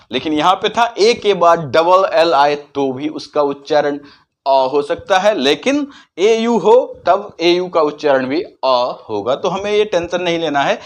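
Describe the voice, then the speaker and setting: A man whose first language is Hindi, teaching English pronunciation, spelling words out letter by letter and then saying them slowly. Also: on the high side. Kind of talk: explaining spelling and pronunciation lesson.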